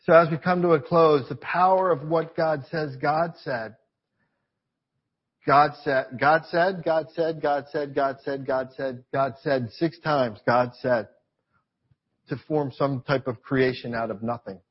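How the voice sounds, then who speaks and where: A man with a somewhat high, husky voice preaches to his congregation, repeating phrases and asking rhetorical questions. The church recording sounds a little dull and lo-fi. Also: fairly even intonation, slow pace. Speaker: pastor. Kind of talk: sermon.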